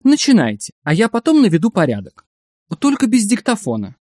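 A man voicing a smug, brisk male biographer in a story reading, lifting his pitch a little. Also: huge pitch swings, darkish tone, no room sound, clean studio sound. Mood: persuasive. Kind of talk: audiobook character reading.

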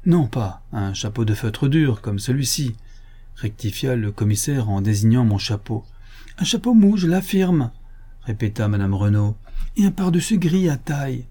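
A man voicing an excitable, well-to-do woman who has been robbed, speaking breathlessly and insistently in an audiobook. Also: fairly low pitch, moderate pace, slightly rough. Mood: triumphant. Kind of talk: audiobook character voice.

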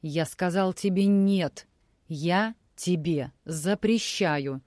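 A woman doing a hoarse, barking hungover man. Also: high-pitched, slow pace, dry recording, studio quality. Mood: barking angry. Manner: barking, shouting. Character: hungover angry middle-aged man, gruff.

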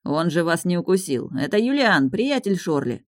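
A woman reading the lines of a polite, amused young duke in an audiobook, calm and courteous. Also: lowish voice, normal speed, no room sound, studio quality.

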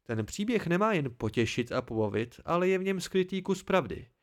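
A man's voice: high-pitched, very animated. A man reading an audiobook, voicing a sly male storyteller and teacher with a mocking, conspiratorial manner.

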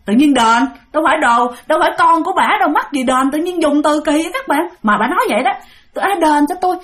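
A woman's voice: high voice, lively intonation, quick pace, fairly bright tone. A woman telling ghost stories to her fans in a chatty way, often turning to address the listeners. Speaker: ghost story teller. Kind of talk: casual spoken storytelling to fans.

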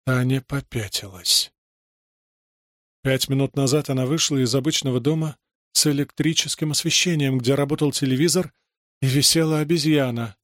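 A man narrating a story aloud in an even storytelling way, acting out the dialogue. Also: mid-range voice, moderate pace, dry recording, clean studio sound. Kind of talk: audiobook reading.

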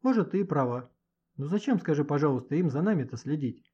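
Brief: man voicing a thoughtful teen boy, earnest and unsure, husky, lo-fi audiobook sound. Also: on the high side, animated, quick pace, mellow. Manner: earnest, hesitant. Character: thoughtful, hesitant teenage boy. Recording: dull lo-fi audiobook recording.

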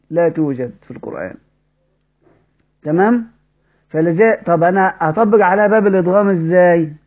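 A man's voice: on the high side, dark tone. Egyptian man teaching recitation rules. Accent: Egyptian Arabic. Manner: explains with questions to the class, demonstrates recitations slowly. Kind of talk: lesson explaining a text.

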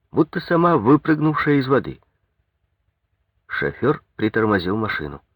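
A man narrating a story in a steady, measured reading on a close mic. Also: fairly low pitch, husky, dry recording. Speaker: audiobook narrator. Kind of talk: scripted narration.

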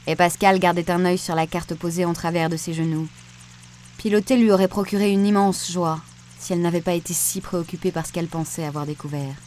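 A woman narrating a novel aloud in an audiobook, with a measured, even reading. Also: fairly low pitch, slight background noise. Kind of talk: scripted narration.

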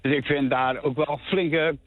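A man's voice: a little high, fairly even intonation, measured pace, no echo. A man calling in to a radio show, indignant and stumbling over restarts as he makes his point. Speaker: caller. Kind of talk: phone-in call. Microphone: phone. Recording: tinny crackling phone line.

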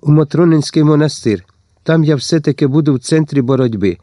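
A man voicing a devoted young woman who speaks earnestly and calmly. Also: fairly high pitch, a little fast, no echo, clean studio sound, close to an everyday voice.

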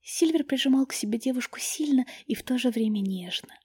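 A woman narrating a storybook in a hushed, often whispered way. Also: sits high, fairly quick, husky, dry recording, studio quality. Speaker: audiobook narrator.

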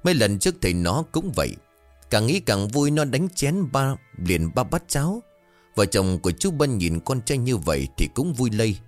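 A man narrating a folk ghost story in a lively storytelling manner. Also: medium pitch, normal speed, soft background music.

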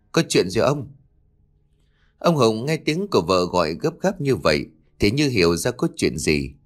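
A man reading a ghost story aloud in a steady, expressive scripted narration. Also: lowish voice.

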